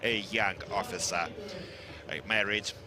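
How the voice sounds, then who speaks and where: A man giving live sports commentary on a tank competition in formal, halting English. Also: on the low side, fairly even intonation, noisy background.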